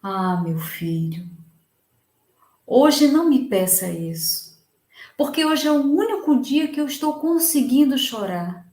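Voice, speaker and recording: A tearful, gentle male medium speaks softly and pleads, as a woman lecturer voices him. The delivery is slow and heavy. The recording has a room echo. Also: high voice, lively intonation. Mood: sad pleading.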